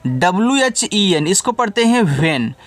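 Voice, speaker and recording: In this spelling lesson, an Indian English teacher speaks unhurriedly in a high voice full of big pitch swings. Each word gets spelled letter by letter before he patiently walks through how it's read.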